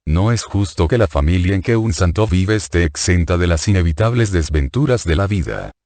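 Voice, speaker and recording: A man voicing a gentle male teacher who speaks in a soft, measured, consoling way. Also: sits low, expressive, dry recording.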